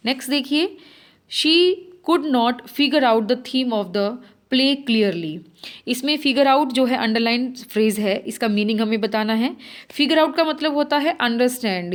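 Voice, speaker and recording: In an exam-prep lesson, a woman with a slightly high voice poses questions and answers them herself while going through each answer. She reads English sentences aloud slowly.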